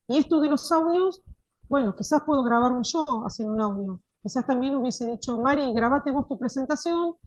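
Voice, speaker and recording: Woman instructor, explanatory and patient, higher voice; dry, muffled lo-fi call recording. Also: a little mellow, no echo. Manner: explanatory, frequent checking "¿sí?". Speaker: course instructor. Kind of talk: online teacher-training lecture.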